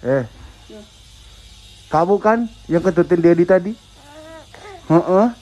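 A man's voice: high-pitched, takes it slowly, muffled recording. A young father, teasing and chatting fondly with his baby in a family vlog. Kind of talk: playful family vlog chat. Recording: loud background noise.

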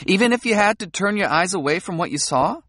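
A man's voice: high-pitched, fast, dry recording, studio quality, pitched above the performer's own voice. A man voicing a teasing, blunt young woman. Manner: teasing, provocative, animated.

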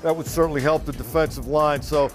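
A team reporter in his sixties gives a brisk, casual analysis outdoors at a practice field, his fairly high voice holding a steady tone as faint music plays behind. The sideline chat is conversational, analytical, and touched with dry humor.

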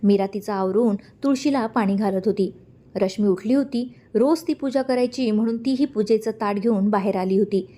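Woman story narrator, warm, mellow tone, calm steady reading. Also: mid-range voice, moderate pace.

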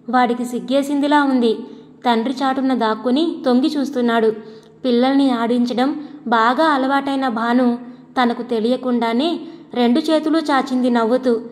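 A woman narrating a storybook in a steady, expressive reading. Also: high-pitched. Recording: long hall reverb.

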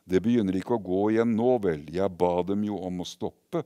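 A man's voice: deep voice, mellow, clear, resonant tone, no echo, studio quality, natural voice. A man voicing a small, stubborn, cheerful little boy who believes in Christmas elves, in a storybook reading. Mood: eager.

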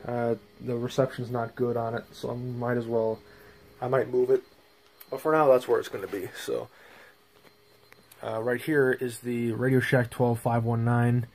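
Casually showing off his things, a hobbyist video presenter rambles off the cuff in a show-and-tell vlog from a small bedroom. He speaks at medium pitch with a darkish tone, captured on a handheld phone camera.

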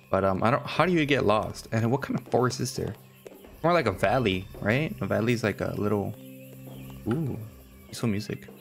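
A young man giving casual, excitable commentary while playing a game, talking to himself in slangy chatter. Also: on the low side. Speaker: gaming commentator.

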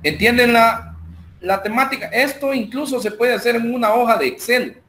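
A man's voice: very high voice, slight background noise. A man with a Salvadoran Spanish accent teaching an online math class, walking through calculations and a spreadsheet step by step with frequent fillers. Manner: talks slowly while working through numbers and software, with many fillers.

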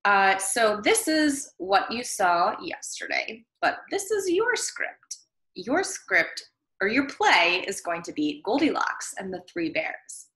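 A young American primary school teacher explains a reading task to children in simple steps during a screen-share lesson from a small room at home. Her medium-pitched voice is very animated, slow and a bit bright, captured by a computer webcam on video with a roomy home-mic sound.

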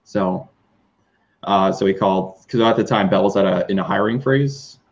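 A man's voice: lowish voice, moderate pace. A young man in his twenties, a radio DJ, chatting over a video call from his kitchen. He talks in an easygoing way, full of fillers. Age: 20s. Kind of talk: casual video-call chat. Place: kitchen, indoors. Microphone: webcam on a video call. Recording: dull lo-fi call audio.

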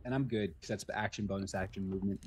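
A man's voice: low-pitched, fairly even intonation, very fast, slight background noise. A man playing in a tabletop game, casually laying out his moves step by step and swearing now and then. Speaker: player.

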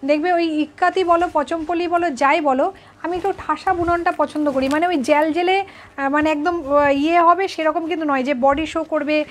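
High-voiced woman selling saris live. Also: fairly even intonation, brisk, slight background noise. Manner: chatty, repeats prices, answers viewers directly. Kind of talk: live sales stream.

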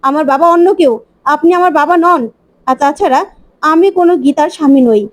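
A young husband from a serial retelling, stern and dismissive, voiced high and plain by a woman narrator. The sound is close and dry. He rebuffs each claim with irritation. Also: moderate pace, no echo, natural voice. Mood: angry. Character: man insisting he is someone else.

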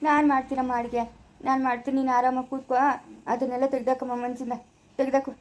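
Brief: woman as a resigned poor village father, soothing and pleading, Chikkaballapura Kannada accent, high voice. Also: little pitch movement, quick pace, lightly acted. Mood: consoling. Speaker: actor in a family drama. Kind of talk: village family drama acting.

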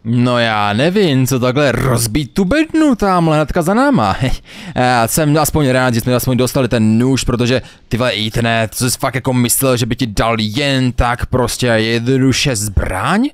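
A young man narrating his gameplay into a desk mic. He is animated and swears constantly, his pitch jumping high in excitement and dropping low. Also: few pauses, no echo. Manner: animated, swearing, laughing a lot. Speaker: gamer, let's play host. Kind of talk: let's play commentary.

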